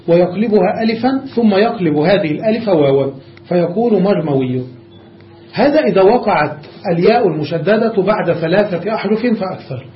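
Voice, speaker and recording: A man's voice: high voice, a little hiss or hum. A man teaching a classroom grammar lesson, explaining step by step and often stopping to check that his students follow. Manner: explains step by step, checks understanding with repeated questions. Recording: dull echoey classroom recording.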